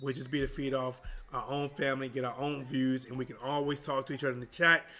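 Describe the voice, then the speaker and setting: A man's voice: mid-range voice, flat delivery, fast talker, sharp tone. A man doing live boxing commentary as a streamer, in slangy, informal talk aimed at his viewers. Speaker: boxing livestream commentator and channel host.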